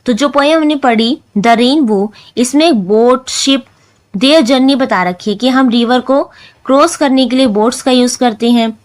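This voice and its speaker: Woman teacher, high voice, slow steady lesson reading. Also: poor audio. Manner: reads English lines slowly, then explains them in Hindi. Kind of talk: textbook lesson explanation.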